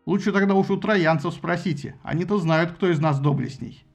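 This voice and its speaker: A man voicing a furious, hot-headed male warrior who shouts in rage in an audiobook. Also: high-pitched, a little fast, gravelly, faint music behind. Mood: outraged. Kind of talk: audiobook character voice.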